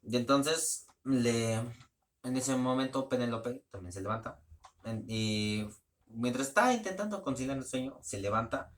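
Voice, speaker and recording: A man's voice: medium pitch, lively intonation, a little slow. A man giving a casual spoken plot summary in a loose, rambling way, often restarting his sentences. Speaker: book reviewer.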